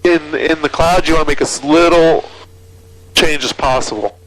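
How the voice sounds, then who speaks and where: A man coaching as a flight instructor over a cockpit intercom, giving calm, reassuring instructions through an aviation headset. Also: a little high, normal speed, low-quality recording. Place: small aircraft cockpit in flight. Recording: intercom radio audio with aircraft cabin noise.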